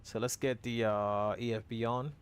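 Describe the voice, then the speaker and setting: A man's voice: medium pitch, flat delivery, moderate pace, smooth. A man giving casual live commentary as he plays a flight simulator, talking through each step as the pilot.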